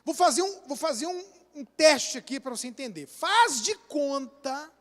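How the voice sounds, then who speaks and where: A man's voice: very high-pitched, moderate pace. A man with a Brazilian Portuguese accent, a pastor preaching a sermon in a church hall, acting out little scenes as he talks. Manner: animated, acts out little scenes and quotes.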